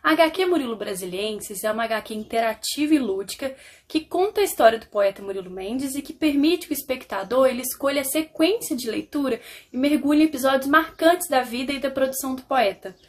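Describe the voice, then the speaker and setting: A young woman, an artist, speaks close to the camera and reads a prepared invitation. She talks in a steady, rehearsed way, and her voice sits fairly high. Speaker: comic artist, invited guest.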